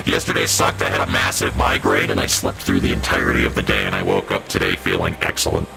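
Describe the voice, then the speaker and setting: A man talking through a voice-changer filter that makes him sound deep and gravelly, dubbing game dialogue aloud in a slow, grave way. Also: wildly swooping pitch, heavily acted, poor audio. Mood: cheerful. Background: game music.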